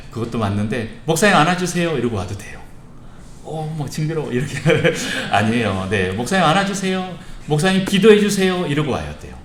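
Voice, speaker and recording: A man preaching a children's sermon, telling the story in a lively way, acting out voices and asking the children questions. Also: medium pitch, a little hiss or hum. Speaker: pastor. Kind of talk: children's sermon at a church service. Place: church sanctuary. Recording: echoey church hall.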